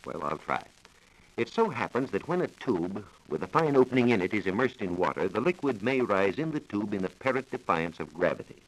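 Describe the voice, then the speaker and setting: This low-quality vintage recording comes from a 1940s radio programme, where an American man reporting on science reads a formal, precise script. He speaks on the low side, a little quickly, with big swings in pitch.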